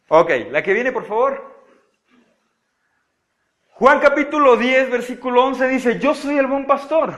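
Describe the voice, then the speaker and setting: A man teaching a Bible study, animated and often checking with his listeners. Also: high voice. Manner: animated, asks the audience frequent checking questions. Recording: audio-only recording of a live talk.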